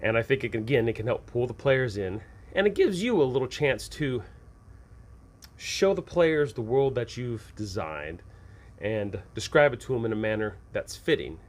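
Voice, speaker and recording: At a moderate pace and medium pitch, a male host chats about tabletop gaming advice with plenty of enthusiasm. He slips into improvised scene-setting told in plain, folksy words, and becomes animated whenever he acts something out.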